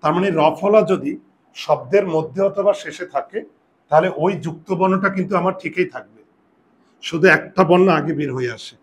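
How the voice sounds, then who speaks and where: A man's voice: on the high side, a little fast, a little hiss or hum. A man, a grammar teacher, explains pronunciation rules to his class and keeps asking them questions.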